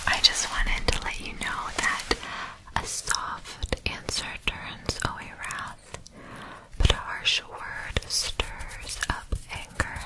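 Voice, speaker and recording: A young woman speaks in a breathy, unvoiced ASMR whisper very near the mic. She repeats words in fast whispered bursts, then stretches phrases out slowly and deliberately. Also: rough recording. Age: young adult. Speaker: ASMR creator.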